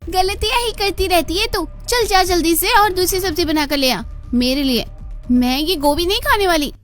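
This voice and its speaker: A woman voicing a bossy, harsh middle-aged aunt in a cartoon, scolding and shouting insults. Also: extremely high pitch, moderate pace, faint music behind. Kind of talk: cartoon voice acting.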